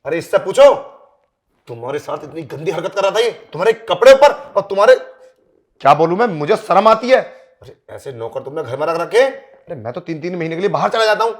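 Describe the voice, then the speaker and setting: A furious husband shouts accusations at a servant and his wife in a short film drama, as a man plays him. His voice runs high and loud. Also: sing-song, fairly quick. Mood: angry. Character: furious husband, master of the house.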